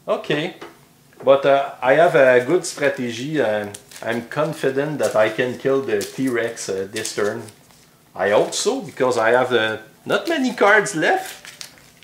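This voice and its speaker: A man's voice: mid-range voice, echoey room, a little hiss or hum. A man with a French accent, a game designer non-native in English, talking through a solo board game with many hesitant fillers as he counts cards aloud.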